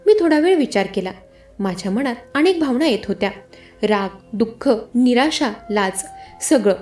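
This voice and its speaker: A woman's voice: fairly high pitch, expressive, normal speed, a little mellow, soft background music. A woman telling a first-person story, voicing each character's lines herself.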